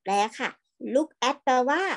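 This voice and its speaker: A woman teaching a young children's class over a video call, patient and coaxing, repeating each word slowly so the pupils can follow. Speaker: primary school English teacher.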